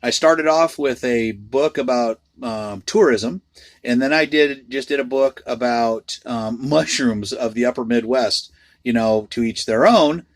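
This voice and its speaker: A man's voice: mid-range voice, unhurried, no room sound. Rambling man, dry close sound. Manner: candid, rambling, self-deprecating. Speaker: freelance voice actor. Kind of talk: casual vlog chat.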